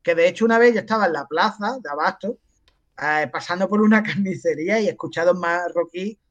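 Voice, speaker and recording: A man's voice: high-pitched, fast, a bit bright, highs cut off. A man with an Andalusian Spanish accent, a podcast guest telling anecdotes in casual chat and acting out the voices of the people he quotes. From Andalusia, Spain.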